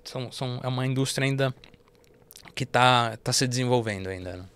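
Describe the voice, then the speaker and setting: Brazilian male podcast guest, average pitch, animated and explanatory, stumbles and restarts often. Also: brisk, clear, resonant tone. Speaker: investment firm partner, guest. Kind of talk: casual podcast interview.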